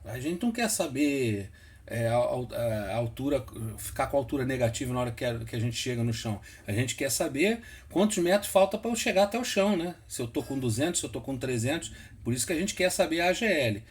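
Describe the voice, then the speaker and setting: A man's voice: mid-range voice, lively intonation, a little fast. A man giving a casual screen-share tutorial, patient and repetitive, often checking in with the listener. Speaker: instructor explaining flight instruments.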